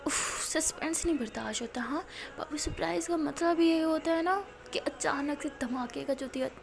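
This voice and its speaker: A woman plays a hot-tempered young college woman who scolds sharply but loves deeply. The voice sits high with a gravelly rasp, as in a spoken storybook romance. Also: normal speed. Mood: teasing.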